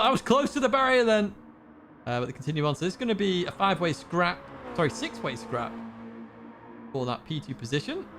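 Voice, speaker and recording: Man, race commentator, excitable, high voice, faint hiss. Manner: excitable, chatty, laughs along. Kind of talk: live sim racing commentary.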